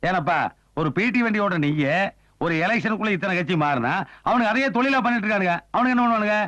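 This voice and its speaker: A man's voice: high voice, animated, fast talker, a bit bright, no echo, lo-fi sound. A man in a comedy sketch, scolding and questioning the other with sarcasm.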